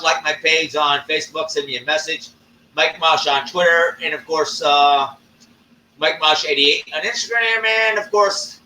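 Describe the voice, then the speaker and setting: A man hosting a live stream, talking casually and ranting with lots of swearing and drawn-out fillers. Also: on the high side, sharp tone, far from the mic, slight background noise. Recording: echoey room, off-mic.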